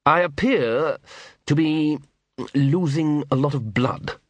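A man puts on an aloof city ruler who speaks slowly, measured and detached. The voice is a touch raised and unhurried. The recording is dry and close. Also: on the high side, no room sound, pitched above the performer's own voice.

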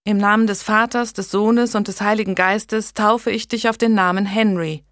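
A woman reading an audiobook gives a higher, pleading voice to a flustered, tender young woman caring for a newborn. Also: steady tone, fairly bright tone, no room sound, clean studio sound, close to an everyday voice. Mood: solemn. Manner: pleading, tearful, hurried.

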